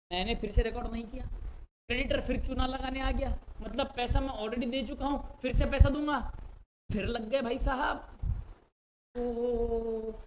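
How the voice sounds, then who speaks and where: A man's voice: very high-pitched, slight background noise. Playful lecturer man, jokey and chatty. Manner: playful, jokey, acts out little scenes; repeats words, talks to viewers directly. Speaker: accounts lecturer. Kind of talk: live online lecture.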